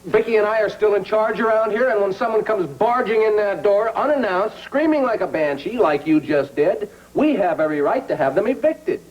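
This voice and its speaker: An actor playing a firm, protective newspaper publisher in a soap opera, heard from a worn VHS tape copy. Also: male voice, sits high, animated, brisk, few pauses. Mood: angry. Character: stern male newspaper publisher, middle-aged. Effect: worn VHS tape copy, dull and hissy. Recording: dull lo-fi tape with faint hiss.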